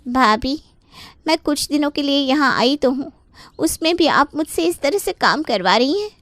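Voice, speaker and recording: A woman's voice: high-pitched, expressive, normal speed, fairly bright tone, smooth, no room sound. A woman voicing a scheming young married woman in a cartoon story, taunting and falsely innocent. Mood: whining. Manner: sly, taunting, fake-innocent whining. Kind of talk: Hindi cartoon voice acting.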